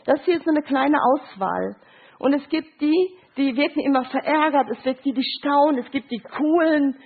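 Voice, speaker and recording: A woman's voice: high-pitched, moderate pace. A middle-aged woman, a grief counselor, gives a talk with picture cards, explaining with short examples and quoted voices and checking in with "Ja?". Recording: thin phone-like sound.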